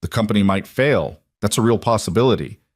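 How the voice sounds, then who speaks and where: A blunt, frank male friend speaks firmly, as voiced by a male narrator. His voice is low and dry. It comes across as a storybook reading. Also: lively intonation, brisk, darkish tone, no room sound. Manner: blunt, firm.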